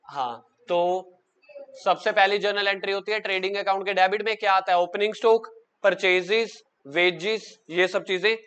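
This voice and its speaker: A man teaching an accounts class, drilling students with quick questions and coaxing answers from them. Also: high-pitched, fairly even intonation, a bit bright. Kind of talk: classroom lecture.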